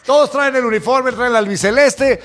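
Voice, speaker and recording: A man's voice: very high voice, normal speed, heavy background noise. A Mexican man on a sports panel, chatting in a joking way and laughing often. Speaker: sports commentator. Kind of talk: casual panel chat.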